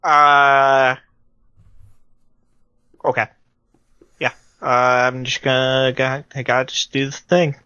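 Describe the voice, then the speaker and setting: A man's voice: mid-range voice, little pitch movement, takes it slowly, long pauses, sharp tone, smooth, no room sound, lo-fi sound. A man playing in a tabletop game, chatting in a playful, eager way. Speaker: player. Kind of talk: casual tabletop game chat.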